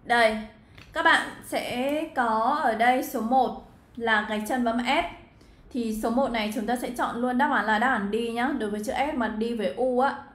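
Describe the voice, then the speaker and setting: With a fairly high, roomy-sounding voice, this Vietnamese English teacher chats her way through an exam, speaking straight to her students and dropping in frequent fillers.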